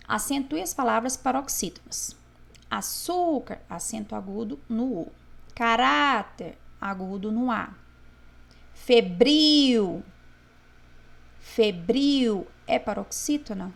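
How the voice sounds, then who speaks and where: A woman's voice: mid-range voice, gravelly. A woman teacher going through homework corrections, patiently sounding words out syllable by syllable. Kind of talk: correcting homework exercises aloud.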